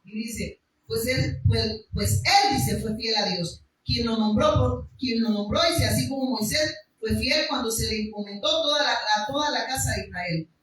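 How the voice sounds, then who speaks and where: A woman's voice: on the high side, moderate pace, hardly any pauses, a bit bright, slight background noise. A woman preaching a sermon, reading from the Bible and speaking emphatically, with rhetorical questions and raised passages. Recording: echoey room, mic far off.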